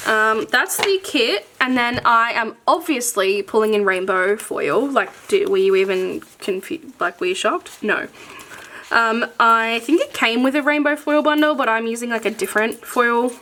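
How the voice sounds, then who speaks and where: Chatty woman, highish voice, talking planner stuff, lots of ums and likes. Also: a bit bright. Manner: chatty and enthusiastic, many fillers. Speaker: planner content creator. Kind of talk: casual chat showing craft supplies.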